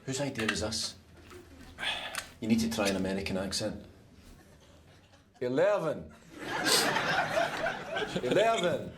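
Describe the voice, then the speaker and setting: A man's voice: fairly low pitch, big pitch swings, measured pace, long pauses. An actor playing a sardonic Scottish man trapped in a lift, in a noisy sketch clip. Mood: sarcastic. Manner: sarcastic, mocking. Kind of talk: sketch comedy acting. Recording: noisy clip played on stream.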